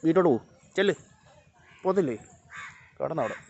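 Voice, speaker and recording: A man filming a casual vlog outdoors around his house, talking softly to viewers and calling out loudly to his cats and dogs. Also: a little high, lively intonation, normal speed, a little hiss or hum. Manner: calls and scolds animals in raised voice, chats softly to viewers. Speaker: vlogger. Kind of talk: casual vlog narration to camera while feeding pets. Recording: slightly dull lo-fi phone audio.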